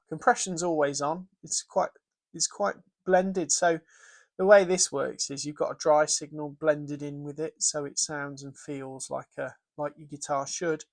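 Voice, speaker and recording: A man's voice: fairly high pitch, creaky. A British man casually walking through his guitar pedalboard setup, thinking aloud with fillers and restarts. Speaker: guitar gear presenter. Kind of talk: casual gear demo.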